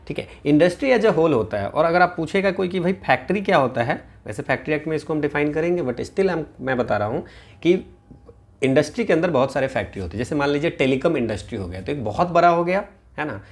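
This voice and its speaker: A man's voice: a little high, animated, fast. A man giving an exam-prep lecture in a mix of Hindi and English, often asking "है ना?" and "ठीक है" to check on his students. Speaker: teacher.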